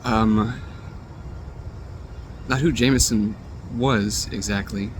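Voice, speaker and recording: A man recording a heartfelt message on his phone, halting and reflective, searching for his words. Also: on the low side, fairly even intonation. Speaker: friend leaving a recorded message. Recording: phone recording outdoors with traffic noise.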